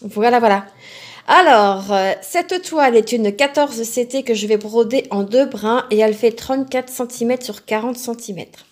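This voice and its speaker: Female crafting host, slightly raised pitch, casual rambling unboxing chat full of fillers. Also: moderate pace. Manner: chatty and self-talking, musing aloud with many fillers.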